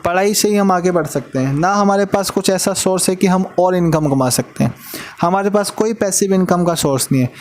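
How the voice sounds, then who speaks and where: High-voiced male maths teacher. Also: brisk. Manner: talks like a big brother, repeats words for emphasis. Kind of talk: casual classroom lesson and advice to students.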